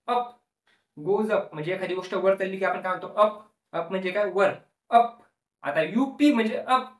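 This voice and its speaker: A male teacher explaining a lesson, repeating each word several times and asking the class questions that he then answers himself. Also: sits high. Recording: echoey room, voice from a distance.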